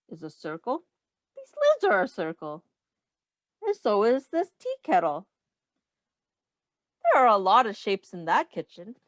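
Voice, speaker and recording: A female early-years teacher reads aloud to children slowly and very expressively, her voice on the high side with no echo. She asks the young listeners questions, explains in simple words, repeats things and counts aloud, addressing the children directly and pausing for their answers.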